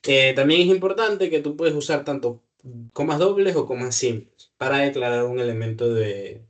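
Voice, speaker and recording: A man walks a student through code in a live lesson. He talks aloud as he works, corrects himself mid-sentence and keeps pausing to ask if things are clear. His voice sits at an ordinary middle pitch. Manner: patient, checks understanding with frequent "¿ya?"; self-correcting, thinks aloud with fillers. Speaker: programming tutor. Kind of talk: live one-on-one coding lesson.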